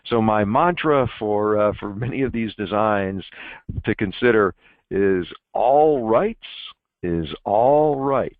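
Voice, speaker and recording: A man's voice: on the low side, no echo. Man presenting over a tinny line. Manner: frequent fillers, self-deprecating jokes. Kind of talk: technical presentation. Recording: tinny phone-like line, dry.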